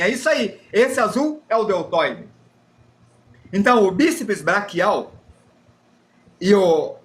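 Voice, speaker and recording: Brazilian guy teaching drawing live, kinda high voice, chatty and jokes about himself a lot. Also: fairly bright tone. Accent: Brazilian Portuguese. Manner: chatty, self-deprecating, explains while drawing. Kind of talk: live drawing lesson, reading chat.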